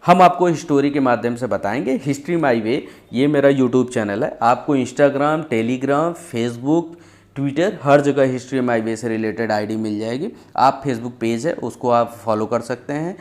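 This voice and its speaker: A man's voice: mid-range voice, measured pace, a little mellow. A man giving a conversational exam-prep history lesson, telling it as stories and often checking in with "ठीक है". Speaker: history teacher.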